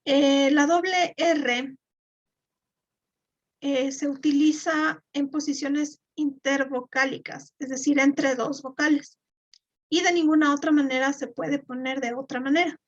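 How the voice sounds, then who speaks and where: A woman's voice: sits high, fairly even intonation, unhurried. A woman, teaching a live online class and explaining step by step with fillers and repeated words. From Ecuador. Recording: dull lo-fi.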